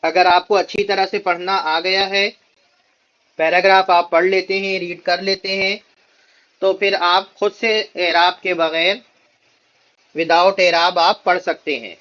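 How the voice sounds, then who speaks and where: A male Arabic teacher leading a classroom lesson, saying each word slowly for students to repeat and then explaining it quickly. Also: high voice, level tone, sharp tone, muffled recording.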